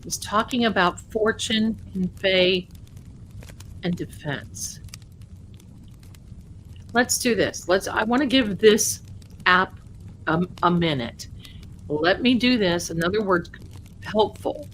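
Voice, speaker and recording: A woman hosting a casual live spirit session, rambling and haltingly repeating herself as she talks to spirits and viewers. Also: medium pitch, fairly bright tone, low-quality recording. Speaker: livestream host of a spirit communication session. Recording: clear background noise, live stream.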